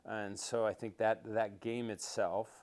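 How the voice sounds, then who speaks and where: An older man telling stories as an interview guest, rambling with fillers and restarts and growing animated as he goes. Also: on the low side, a little slow. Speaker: interview guest, former quarterback. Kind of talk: relaxed storytelling interview.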